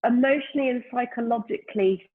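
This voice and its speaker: A woman's voice: on the high side, fast talker, husky. Reflective woman in her fifties on a tinny call. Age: 50s. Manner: thoughtful, searching for words with many "you know"s. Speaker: guest, brand founder. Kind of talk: reflective casual conversation. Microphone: remote call during lockdown. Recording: tinny phone-like call line.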